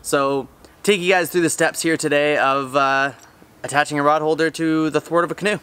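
Out on a backyard lawn, a man in his thirties who hosts an outdoor channel talks through a how-to job in a fairly quick, steady, slightly high and bright voice. His delivery is casual, chatty and meandering, full of fillers.

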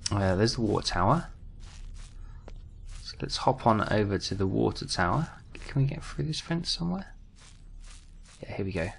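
A man's voice: on the low side, lively intonation, moderate pace, creaky, pauses often, a little hiss or hum. A young man giving chatty, jokey commentary while he plays a game and talks to his viewers. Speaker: gaming let's-play host. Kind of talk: casual gameplay commentary.

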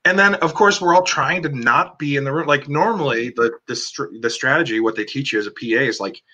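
Cinematographer guy on a video call, bright tense voice, lots of likes and ums. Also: medium pitch, fairly quick, highs cut off. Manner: rambling, many "like" and "um" fillers. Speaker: cinematographer guest. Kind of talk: casual video-call chat.

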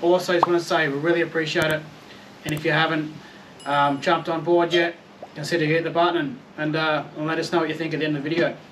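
This camping vlogger, an Australian man in his thirties, talks fast in a fairly bright, higher voice with flat delivery, and the low-quality recording carries a little hiss or hum. Laid-back and chatty, he pokes fun at himself and swears mildly while unboxing and reviewing gear on an outdoor patio and later in a garage.

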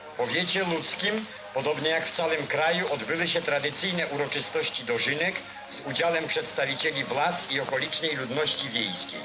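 Casting: male old newsreel narrator, solemn and declamatory, slightly high voice, vintage soundtrack with music behind. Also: normal speed, poor audio. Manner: solemn, declamatory, formal delivery.

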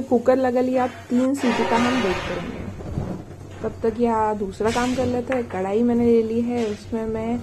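Chatty woman teaching a home recipe. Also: fairly high pitch. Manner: chatty, explains each step while stirring. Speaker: cooking channel host. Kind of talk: casual cooking tutorial. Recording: noisy kitchen with frying sizzle.

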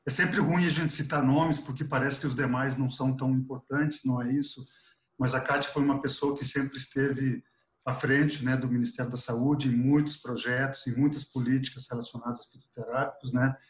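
A man's voice: mid-range voice, steady tone, brisk. A middle-aged man from Chile, a professor speaking unscripted and earnestly on a video call with a headset, dropping frequent fillers. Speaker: professor, webinar panelist. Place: office with artwork behind. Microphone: earphone headset on a video call. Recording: echoey room on a video call.

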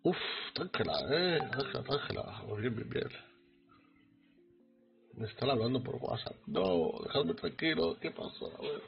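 Man, Spain Spanish accent, live game commentary, excitable, medium pitch, slightly dull audio, faint music. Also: measured pace, vocal fry. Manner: excitable, talks to chat. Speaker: streamer.

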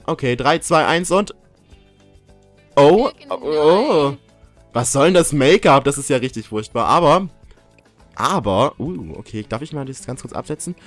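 A man's voice: medium pitch, lively intonation, normal speed, a bit bright, dry recording, faint music behind. A young man giving casual, jokey commentary while playing a life-simulation game, yelping and swearing when something startles him. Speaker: gaming YouTuber. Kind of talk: casual let's-play commentary.

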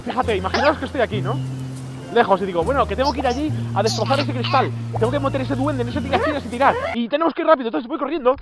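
A VR gaming YouTuber in his thirties with a Spanish accent from Spain plays a virtual reality game outdoors on an empty road at dusk, exclaiming, laughing at his viewers, and giving excited commentary. He talks fast at an extremely high pitch, with background music under his voice.

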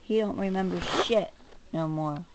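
Against a noisy background, a middle-aged woman filming herself unloads an angry, combative rant full of swearing and heavy emphasis, at times muttering and at times raising her voice. Her voice is lowish and her pace unhurried.

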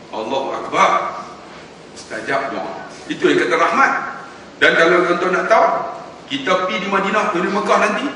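A Malaysian Malay-accented preacher tells his stories with lively, animated delivery in a bright, slightly high man's voice. He is heard from some distance, in a hall with a long, echoey reverb. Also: a little hiss or hum. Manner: storytelling, animated, addresses audience as tuan-tuan. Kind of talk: religious lecture.

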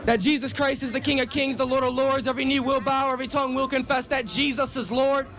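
A man's voice: very high voice, flat delivery, fast talker, a bit bright. A man preaching on a city street outdoors, insistently quoting scripture and cutting in with questions.

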